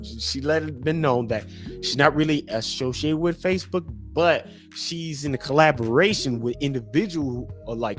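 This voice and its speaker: Rambling man in his thirties, casual talk. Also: mid-range voice. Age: 30s. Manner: rambling, filler-heavy, self-correcting. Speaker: podcast host.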